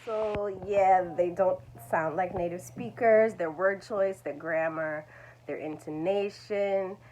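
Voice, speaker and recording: In a talking-head video lesson, a woman teaches language learners reassuringly and repetitively, saying "it's okay" again and again. Her voice is medium-pitched, and the recording is rough.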